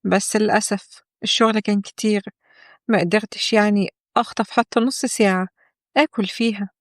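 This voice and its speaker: A woman's voice: mid-range voice, fairly even intonation, brisk, no room sound, studio quality, lightly acted. A woman voicing a hurt Egyptian young wife. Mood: puzzled. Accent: Egyptian Arabic.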